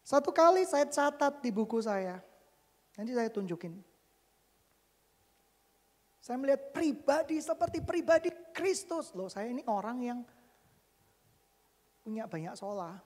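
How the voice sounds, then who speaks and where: A male pastor preaching with a personal story, dramatic and jokey, jumping from loud shouts to near whispers. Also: very high voice, expressive, a little slow, long pauses. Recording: long reverb of a church hall.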